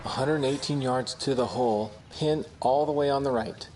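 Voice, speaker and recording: A man's voice: medium pitch, moderate pace, darkish tone, lightly acted. A man commentating on golf as an on-course reporter, giving yardage and club choice. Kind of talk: golf broadcast commentary in a video game. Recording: distant mic, clear background noise.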